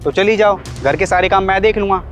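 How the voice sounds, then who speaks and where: A man's voice: high-pitched, fairly quick, a bit bright. A man acting a younger brother-in-law who insistently urges his sister-in-law. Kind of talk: scripted short-video drama acting. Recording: faint background music.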